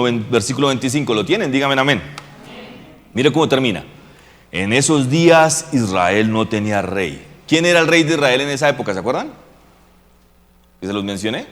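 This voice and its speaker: A man preaching in a church with a long echo, relaxed and joking, asking the congregation whether they follow him. His voice sits at a middle pitch, and the sound lingers in the big room. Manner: casual, joking preaching with rhetorical questions to the congregation. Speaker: pastor. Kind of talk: sermon. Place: church hall.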